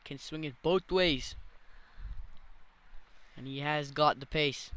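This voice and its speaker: A man giving live ball-by-ball cricket commentary as a commentator who gets excitable at big moments. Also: on the high side, slow.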